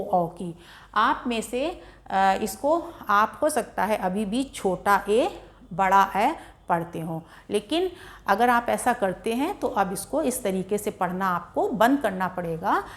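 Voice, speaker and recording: A woman teaching a grammar lesson at an unhurried pace, drawing out vowel sounds one by one to show their length. Her voice sits at a middle pitch. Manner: slow, drawn-out vowel demonstrations. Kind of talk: classroom lesson explaining pronunciation.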